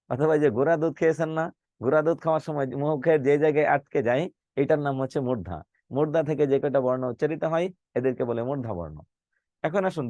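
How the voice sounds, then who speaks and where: A man's voice: fairly high pitch, a little mellow, no echo. A middle-aged man, a teacher, giving an online lecture on Bengali phonetics, saying letters aloud and putting questions to his students. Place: online class, live with students.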